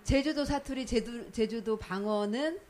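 A woman hosting a casual community radio chat, lively and quick to laugh. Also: fairly high pitch. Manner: lively, laughs often, plays out quick examples. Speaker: radio host.

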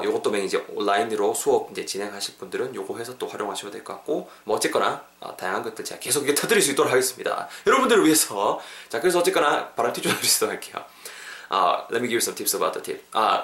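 A man's voice: medium pitch, a bit bright, roomy sound. A Korean-speaking man hosting a casual English lesson podcast, stretching out his English example phrases. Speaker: English teacher and podcast host.

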